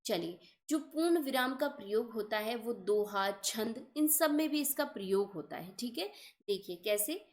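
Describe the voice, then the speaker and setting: A woman's voice: on the high side, expressive, measured pace, hardly any pauses. A young woman teaching an exam-prep grammar lesson, explaining patiently and often checking that her students follow.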